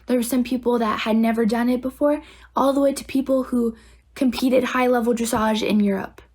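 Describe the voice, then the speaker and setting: A woman's voice: a little high, fairly even intonation, fairly quick, a little mellow. A woman giving an informal recap of what she observed as a spectator. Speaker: clinic spectator.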